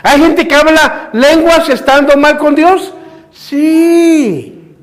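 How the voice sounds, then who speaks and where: A man's voice: very high-pitched, steady tone, unhurried. A man preaching a fervent sermon in church as pastor, firing rhetorical questions and calling his listeners brother.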